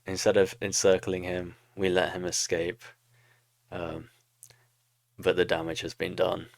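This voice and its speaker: A young man with a low, gravelly voice talks through a replay of his own strategy match, picking apart his mistakes and laughing at himself. His voice sounds dry and close, with no room around it. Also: completely flat delivery, measured pace, no echo. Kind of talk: casual game commentary.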